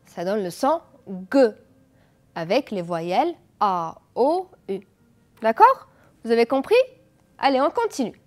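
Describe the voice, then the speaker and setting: A woman teaching French pronunciation on an educational TV lesson, drilling words slowly and asking the class to repeat after her. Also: a little high, very animated. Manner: slow, deliberate drilling with repeated checks. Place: TV studio.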